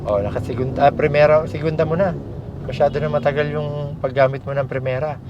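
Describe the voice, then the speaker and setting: A man's voice: on the high side, fairly even intonation, fairly quick. A Filipino man coaching as a driving instructor inside a moving car, giving short commands and tag questions, with machine noise behind him. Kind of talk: hands-on coaching, casual instruction. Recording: muffled audio with loud car engine noise. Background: engine and vehicle noise.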